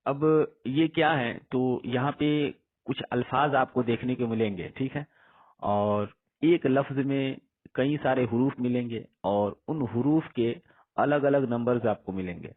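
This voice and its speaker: A man teaching an Urdu grammar lesson. He asks a question, answers it himself, and says each example word slowly and more than once. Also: medium pitch. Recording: husky voice on tinny phone-like audio.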